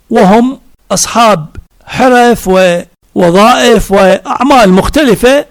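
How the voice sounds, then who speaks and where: High-pitched guy lecturing on religion, slow, repeats himself a lot for emphasis. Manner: repetitive, emphatic, lists synonyms one by one.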